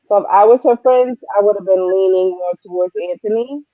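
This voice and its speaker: A woman's voice: mid-range voice, brisk, dry recording. A woman giving her opinions in casual chat over a headset mic, her voice muffled as if heard through a wall. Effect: muffled, dull sound as if through a wall. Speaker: panelist on a TV recap show.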